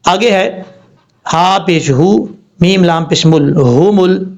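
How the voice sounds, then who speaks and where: A man's voice: sits high, a little mellow. Man patiently teaching Quran recitation. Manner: patient, step-by-step explanation with slow spelled-out recitation. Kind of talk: tajweed lesson. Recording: dull lo-fi sound.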